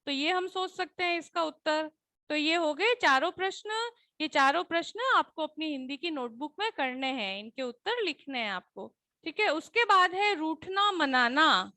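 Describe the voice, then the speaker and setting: A woman teacher with a Hindi accent walks children through a textbook lesson patiently. Her voice sits very high and sounds bright and crisp. The recording is dry and close, with no room sound. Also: lively intonation, moderate pace, no echo. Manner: patient, repeats questions, frequent "है ना?" tag checks. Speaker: school teacher.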